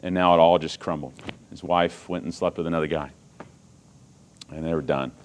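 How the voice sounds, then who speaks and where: A middle-aged man from Texas, preaching a sermon as personal storytelling, earnest and moving from hushed lines to loud, emphatic ones. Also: extremely low pitch, steady tone, moderate pace, a little hiss or hum.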